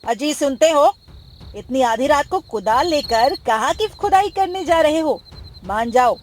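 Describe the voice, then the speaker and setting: A woman's voice: sits high, animated, a little slow, slight background noise. A woman doing an anxious, pleading village wife. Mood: worried.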